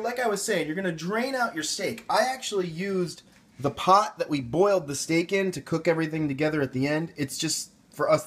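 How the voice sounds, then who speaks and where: Here the young American cooking host's voice sits on the high side, fairly bright in tone and slightly rough. He casually walks through a recipe with playful slang, indoors in a home kitchen and a grocery store.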